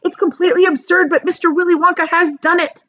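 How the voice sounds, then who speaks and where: A woman's voice: very high voice, steady tone, quick pace, fairly bright tone, highs cut off, voice pushed up. A woman voicing an eager, emphatic ninety-six-year-old grandfather in a children's storybook read aloud. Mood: delighted, emphatic.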